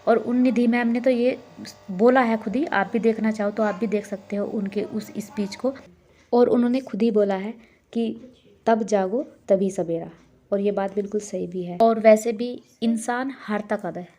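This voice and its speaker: A woman's voice: mid-range voice, steady tone, moderate pace, mellow. A woman in her thirties, a homemaker vlogging, talking casually and earnestly to encourage her viewers. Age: 30s. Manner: earnest, encouraging, repeats herself. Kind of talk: casual motivational vlog talk.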